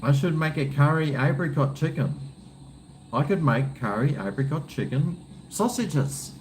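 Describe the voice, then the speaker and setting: A livestream cooking vlogger with an Australian accent rambles to his viewers in a laid-back, blokey, casual way. His voice is fairly high and a little mellow, with lively intonation and a measured pace, over faint background noise.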